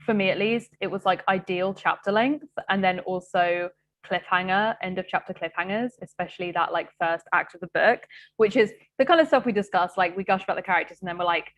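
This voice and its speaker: A woman's voice: fairly low pitch, brisk. A young woman hosting a live book chat and reading viewer comments in a bubbly, rambling way. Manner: bubbly, rambling, filler-heavy. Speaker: host.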